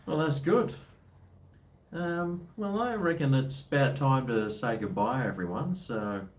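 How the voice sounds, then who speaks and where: A man's voice: medium pitch, a little slow. A man with a broad New Zealand accent, co-hosting in casual, slangy banter. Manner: blokey, slangy. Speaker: co-host of a casual show. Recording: roomy, distant from the mic.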